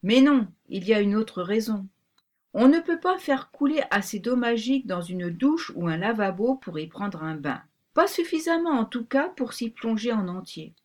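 A woman voicing a bossy, secretive male pink rabbit in a storybook, speaking in a brisk, commanding way. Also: on the high side, lively intonation, a little mellow.

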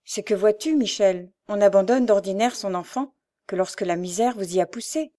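A woman voicing a tender, devout poor young mother in an audiobook, speaking gently and earnestly. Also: mid-range voice, moderate pace, close to an everyday voice. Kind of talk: audiobook character voice.

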